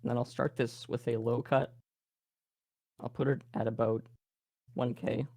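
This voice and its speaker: A Canadian man talks through a live workshop demo in a relaxed, thinking-aloud way, full of fillers. His voice is gravelly and his pitch stays flat. The sound is dry and close, like a video call mic. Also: measured pace, no room sound. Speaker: game audio presenter.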